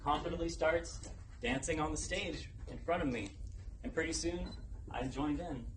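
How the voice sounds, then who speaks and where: A young man delivering a rehearsed personal story as a competition speech, deliberately and dramatically, pausing for effect. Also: on the high side, poor audio. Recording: noticeable background noise, live event ambience.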